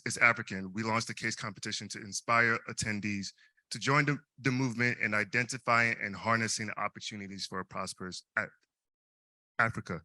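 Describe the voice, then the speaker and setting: A young first-year business student emcees a live case competition as the event host, hesitant and stumbling over frequently repeated words. His fairly low voice has a bright, forceful tone, and the recording is dry.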